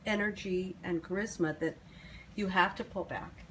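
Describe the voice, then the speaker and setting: A woman talking casually and reflectively in a measured way, like a granddaughter in a family conversation. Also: lowish voice, slight background noise, rough recording.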